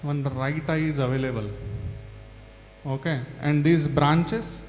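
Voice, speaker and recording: A man's voice: a little high, fairly even intonation, slow pace, darkish tone. South Indian man teaching in an echoey hall. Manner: repeats answers, prompts with short questions and tag words. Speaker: yoga teacher questioning students. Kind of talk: interactive classroom lecture to a large group. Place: large hall. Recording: echoey hall, reverberant, faint hum.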